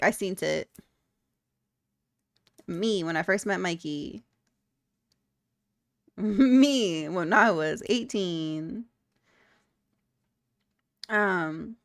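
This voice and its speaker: A woman's voice: on the low side, fairly bright tone, dry recording, studio quality. A young woman streaming live, chatting candidly with her viewers, blunt and laughing often. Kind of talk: casual chat reading viewer comments.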